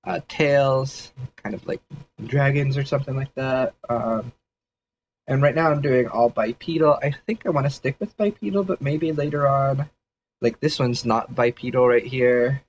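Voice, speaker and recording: A man's voice: mid-range voice, moderate pace, a little hiss or hum, rough recording. Man thinking aloud while sketching. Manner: rambling, hedging with "kind of" and "um". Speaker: 3D artist streaming a sketch session. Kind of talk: casual livestream thinking aloud.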